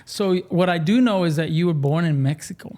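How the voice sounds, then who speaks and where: A man's voice: a little high, a little fast, warm tone. A man, a pastor hosting a show, interviewing a guest in an affirming, conversational way. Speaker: pastor and podcast host.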